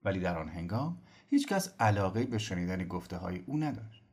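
A man narrating a novel as an audiobook in an expressive storytelling manner. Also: low-pitched, husky. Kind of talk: scripted narration.

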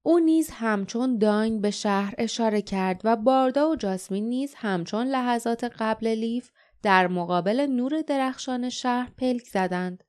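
A woman narrating an audiobook in a steady, even storytelling voice. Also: a little high, smooth.

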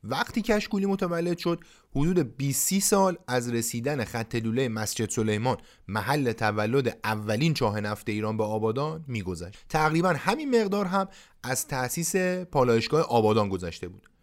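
Guy telling a history story on his podcast, chatty asides, mid-pitch voice. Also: lively intonation. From Iran. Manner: conversational, with colloquial asides. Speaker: podcast host. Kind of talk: scripted storytelling narration.

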